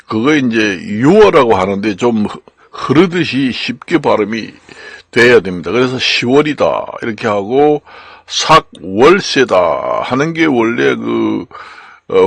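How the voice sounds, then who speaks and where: Older man, gravelly voice, very slow halting lecture, dry close sound. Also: medium pitch, big pitch swings, no room sound. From Gangwon Province, Korea. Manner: slow, halting, many fillers and repetitions. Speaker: channel host explaining law and Chinese characters. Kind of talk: unscripted lecture.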